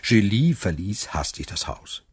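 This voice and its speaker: A man reads a classic novel aloud in a measured storyteller's delivery. His voice is low and husky, and the close, dry recording has no room sound. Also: sing-song, no room sound. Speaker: narrator. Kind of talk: scripted audiobook narration.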